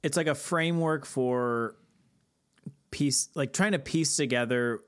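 A man's voice: medium pitch, unhurried. Joking, profane male podcast co-host. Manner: joking, profane, laughs often. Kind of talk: casual chat.

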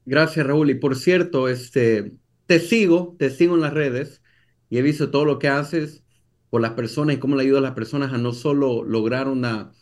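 A man with a Salvadoran accent shares his personal story as a podcast guest, conversationally repeating phrases and tacking on tag questions. He speaks at a moderate pace in a medium-pitched, slightly mellow voice.

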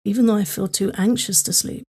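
A woman leading a guided tapping meditation for sleep, speaking in slow, soothing, repetitive prompts. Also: medium pitch, fairly even intonation, darkish tone, husky.

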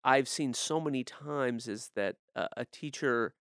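A man with a gravelly yet smooth, resonant voice talks in a reflective, measured way in a casual conversation. He thinks aloud as he speaks. The sound is dry and close to the mic. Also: medium pitch, a bit bright, dry recording.

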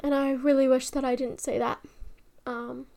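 A young woman with a fairly high voice recounts a personal family story. Her delivery is emotional, dropping to a hush in the sad stretches and rising sharply when the story turns. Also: normal speed, creaky. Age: young adult. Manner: emotional, swings from hushed to excited.

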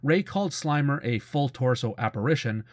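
A man's voice: medium pitch, lively intonation, normal speed, no echo, clean studio sound. A middle-aged man hosting a show with casual, informative commentary and a fan's conversational enthusiasm. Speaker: host of a cartoon retrospective show. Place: close, dry voice-over recording.

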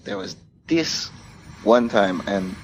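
Speaking slowly in a lowish voice with lively intonation, the Caribbean DJ guest relates casual anecdotes in an interview, dramatizing the dialogue. The recording is muffled and the room clearly noisy.

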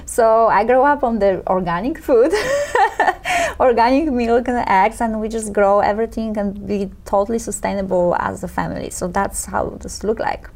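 A woman in her thirties from Poland with a Polish accent, chatting as an interview guest, often laughing and pausing with fillers. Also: fairly high pitch, animated, a little mellow. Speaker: guest entrepreneur. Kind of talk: casual interview chat.

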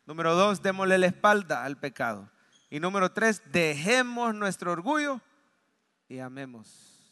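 A male pastor delivers a lively sermon. His voice sits high and sounds bright and forceful. He acts out the lines of the people in his story. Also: normal speed, smooth. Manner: animated storytelling, acting out quoted lines.

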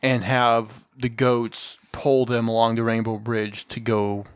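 A man talks through a film's plot on a podcast in a loose, casual way, circling back with fillers and restarts as he goes. His voice sits at an ordinary middle pitch. The sound is dry, with almost no room echo. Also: little pitch movement, slow pace, smooth. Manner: rambling, many fillers and restarts. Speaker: podcast co-host. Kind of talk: casual film review chat.

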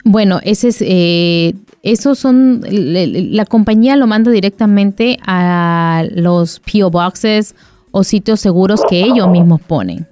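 A woman's voice: medium pitch, a little slow, warm tone, soft background music. A woman speaking as an insurance agent guest on a radio call-in show, explaining things patiently. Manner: explanatory, patient, repeats "como les digo".

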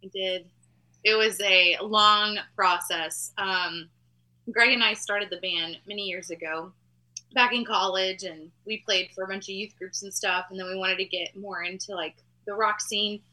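Young female guest from Texas, bright, clear tone, chatty storyteller. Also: mid-range voice, a little slow. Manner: chatty, relaxed storytelling with laughs. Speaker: band singer-songwriter, guest. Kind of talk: casual interview chat.

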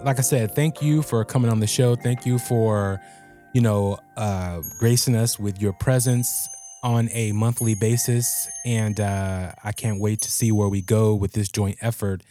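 Mellow, low-voiced man hosting a show. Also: fairly even intonation, measured pace, soft background music. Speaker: podcast host. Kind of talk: casual show introduction.

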